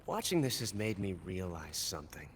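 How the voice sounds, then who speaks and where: A man's voice: sits low, very animated, normal speed, background noise. A man playing a menacing, smug villain in a video game, gloating with sadistic relish. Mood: gloating menace. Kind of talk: video game cutscene acting.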